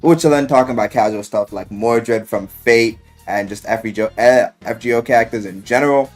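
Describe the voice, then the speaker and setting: With a medium-pitched voice and a slightly fast delivery, a YouTuber rambles through a loosely scripted review of a visual novel. His casual talk is emphatic, slangy, and profane, set over background music.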